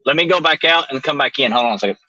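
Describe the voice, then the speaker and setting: A man's voice: mid-range voice, expressive, rapid-fire, pushed and bright, no echo, muffled recording. A man on a video call whose audio keeps glitching and cutting out, chatting casually as a guest and sorting out his connection. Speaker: guest on a live video show. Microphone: Bluetooth headset on a video call.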